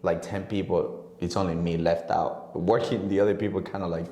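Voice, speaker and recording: Brief: twenty-something guy from Honduras, very low voice, laid-back storyteller who acts out dialogue, echoey room. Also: fairly quick. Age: 20s. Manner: relaxed storytelling, acts out quoted dialogue, laughs often. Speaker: guest real estate agent. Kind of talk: casual podcast interview.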